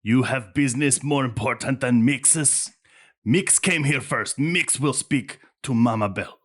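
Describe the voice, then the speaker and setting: A man voicing a gruff, scratchy, stocky middle-aged woman who is half mechanical and speaks of herself in the third person. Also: medium pitch, measured pace, fairly bright tone. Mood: impatient.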